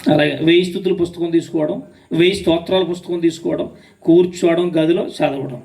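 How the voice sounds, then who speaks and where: A man delivers a sermon, firing rhetorical questions and repeating phrases for emphasis. His voice sits high and rough with fry, and the mic catches him from some distance away. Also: steady tone, fairly quick, a little mellow. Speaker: pastor.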